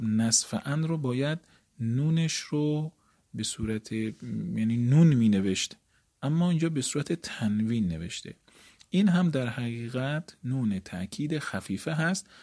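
A man's voice: mid-range voice, a little mellow. A man explaining a grammar lesson, repeating words for emphasis and addressing his listeners politely. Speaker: teacher.

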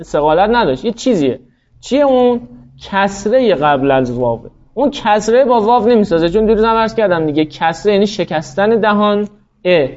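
In a classroom lecture on grammar, a man explains each rule step by step and quizzes his students along the way. His voice is high-pitched and a little mellow, with the highs cut off in the recording.

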